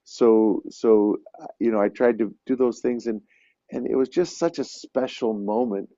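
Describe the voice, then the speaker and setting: A man chats as a guest, his talk loose and full of restarts and filler words. His voice sounds mellow and warm. The recording is dull and lo-fi. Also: medium pitch, normal speed, no room sound. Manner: chatty, with many restarts and "like" fillers. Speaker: guest, Santa performer living in Japan. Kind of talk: casual conversation. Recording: dull, lo-fi and dry.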